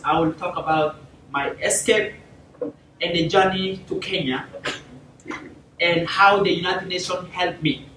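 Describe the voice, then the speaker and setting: A young South Sudanese man giving a formal talk to a university class, thanking people warmly and using many fillers. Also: high voice, a little hiss or hum. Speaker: guest speaker. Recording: echoey classroom, from far off.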